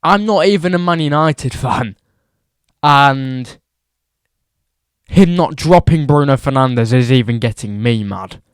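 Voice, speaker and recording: A man's voice: medium pitch, slow, long pauses, clear, resonant tone, no echo, clean studio sound. A young man ranting about football results, exasperated and repeating his points for emphasis. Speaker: football vlogger.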